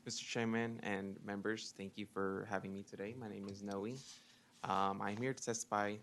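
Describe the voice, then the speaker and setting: A man's voice: on the low side, little pitch movement, moderate pace, a bit bright, a little hiss or hum. A young man in his twenties from Mexico, giving earnest prepared testimony to a legislative committee with frequent ums. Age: 20s. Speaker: witness testifying.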